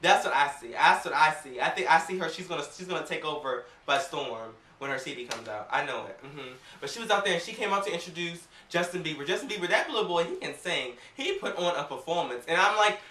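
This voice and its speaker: A woman casually reviewing an awards show in a sassy, animated, gossipy way, acting out quotes as she talks. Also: low-pitched, quick pace, hardly any pauses, distant mic, slight background noise. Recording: roomy, off-mic home recording.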